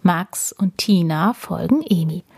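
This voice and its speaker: A woman hosting and reading a storybook aloud to children in an animated, kid-friendly manner. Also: on the low side, slow, slightly rough, no room sound, clean studio sound. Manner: warm, animated storytelling for kids.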